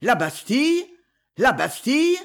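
A reader voicing an arrogant, scornful male duke who sneers loudly. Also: mid-range voice, sing-song, a little slow, voice pushed up. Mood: panicked. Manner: sneering, haughty, loud.

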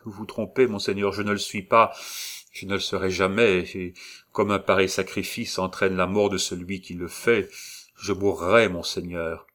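A man's voice: low-pitched, steady tone, normal speed, a bit bright. A man voicing a desperate young nobleman who pleads passionately, in an audiobook reading. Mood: pleading. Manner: impassioned, imploring.

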